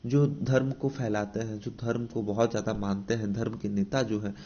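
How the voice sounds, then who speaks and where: A man with an Indian accent teaches vocabulary in a coaching-lesson style, with a husky, mellow voice. He repeats each point and asks his students rhetorical questions. The recording sounds dull and lo-fi. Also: lowish voice, flat delivery, normal speed. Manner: explains with repetition and rhetorical questions; mixes English definitions into Hindi speech.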